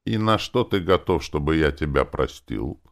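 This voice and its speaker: A timid office clerk suddenly drunk on power, gloating and mocking his victims in a raised, strident voice, as a male narrator puts him on. The delivery swings wide in tone, and a gravelly edge runs under the tormenting commands. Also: extremely low pitch, animated, normal speed, exaggerated voice. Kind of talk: audiobook character voice.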